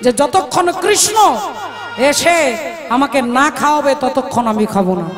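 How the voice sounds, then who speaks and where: A woman's voice: sits high, big pitch swings, moderate pace. A woman voicing a hurt, stubborn adult male devotee who refuses food, over devotional music. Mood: indignant. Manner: indignant, refusing, tearful pleading.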